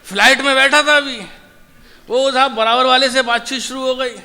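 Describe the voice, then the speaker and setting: A man's voice: extremely high pitch, fairly even intonation, normal speed, pushed and bright. A man performing as a comic poet, telling stories on stage and acting out the people in his jokes. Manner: chatty, acts out characters in jokes. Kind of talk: stand-up storytelling at a poetry gathering. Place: stage in a large hall. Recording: echoey hall, faint noise.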